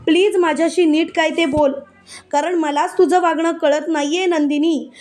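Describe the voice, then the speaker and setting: Woman voicing loud defensive young husband. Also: sits high, fairly even intonation, moderate pace, natural voice. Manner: loud, demanding.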